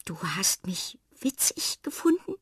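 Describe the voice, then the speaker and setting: A woman's voice: mid-range voice, very animated, moderate pace, a little mellow, husky, no room sound, studio quality, voice pushed up. A woman doing a nervous clumsy clown. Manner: nervous, fretful, murmuring. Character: timid clumsy male clown.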